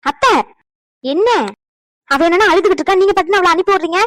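Shrill cartoon daughter-in-law done by a woman, loud and high, talks fast. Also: no room sound. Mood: protesting. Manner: protesting, agitated.

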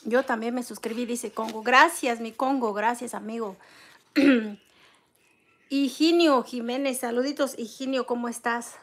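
A woman's voice: fairly high pitch, fairly even intonation, measured pace. A middle-aged woman hosting a casual livestream, reading out viewers' names and comments and answering them in a consoling way. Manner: warm, consoling, reads viewer names aloud; eats soup between comments. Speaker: livestream host.

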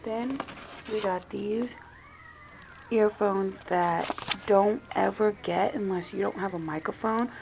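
A woman's voice: medium pitch, takes it slowly, vocal fry, noisy background. A woman vlogger talking loosely and chattily as she shows off her gifts, recorded on a phone. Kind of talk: casual haul vlog.

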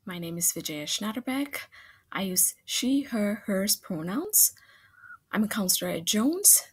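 A school counselor from Singapore introduces herself over a slideshow, talking in a friendly, conversational way, recorded on a laptop webcam at home. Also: female voice, medium pitch, breathy edge. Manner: friendly, conversational with occasional fillers. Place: home room, webcam in corner of screen share.

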